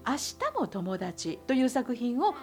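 A woman's voice: fairly high pitch, big pitch swings, measured pace, faint music behind. A woman hosting, politely introducing a picture-book reading in courteous, formal phrasing. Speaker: program host.

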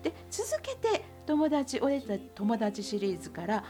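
Courteous high-voiced woman host. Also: sing-song, measured pace, over music. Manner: courteous, chatty, formal phrasing. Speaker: program host. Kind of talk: polite introduction.

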